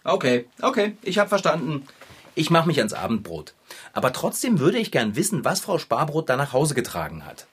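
A man's voice: fairly high pitch, huge pitch swings, moderate pace, a bit bright, slightly rough, heavily acted. A man voicing a friendly, easygoing bicycle mechanic in a cartoon.

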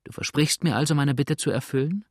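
A man's voice: a little high, a little fast, breathy edge, no room sound, clean studio sound, pitched above the performer's own voice. A man reading aloud as an earnest, determined lady who pleads firmly in a storybook. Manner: pleading, firm.

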